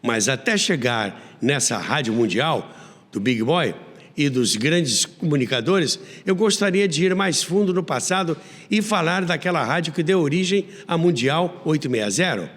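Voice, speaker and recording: A Brazilian man hosts a radio history podcast, narrating like a storyteller with the emphatic delivery of an old-school radio announcer. His voice is on the high side and fairly bright, with lively intonation and an unhurried pace. A long reverb trails his voice.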